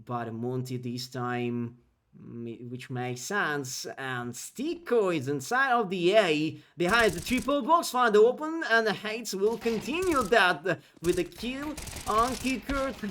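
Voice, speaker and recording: With slight noise in the background, a man casts an esports match in English that isn't his first language. His fast calls grow higher and more excited during action, and between rounds he chats with viewers.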